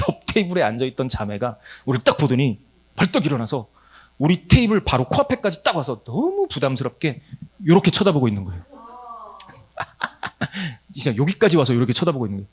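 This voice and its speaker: A man's voice: mid-range voice, big pitch swings, quick pace, breathy edge. A man giving a conference sermon as a missionary speaker, telling stories with laughter and acted-out quotes.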